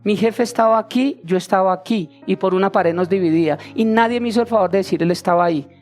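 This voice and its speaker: A pastor in his forties preaches with animated storytelling, slipping into the voices of the people in his tale. Faint instrumental music plays softly behind him. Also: high voice, fast talker. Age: 40s. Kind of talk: sermon.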